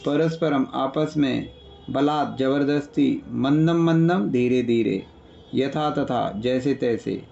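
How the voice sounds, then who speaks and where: A man's voice: medium pitch, slow pace, creaky, mellow, lo-fi sound, slight background noise. A man teaching an online grammar class, patiently explaining and listing word meanings, often checking in with his students. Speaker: Sanskrit teacher. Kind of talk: online class revision lecture.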